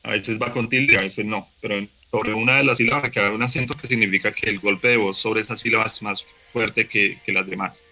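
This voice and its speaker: A man teaching a workshop lesson, explaining patiently with fillers and restarts, slowing down to demonstrate syllables. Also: fairly low pitch, steady tone, sharp tone, poor audio. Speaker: language teacher. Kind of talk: recorded online workshop lesson.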